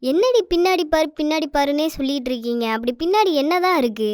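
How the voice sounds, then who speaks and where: A woman voicing a bold, cheerful young girl doll who coaxes the others to play and stay calm, in a children's doll story. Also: high voice, fast talker, noisy background. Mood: impatient. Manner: confident, coaxing, playful.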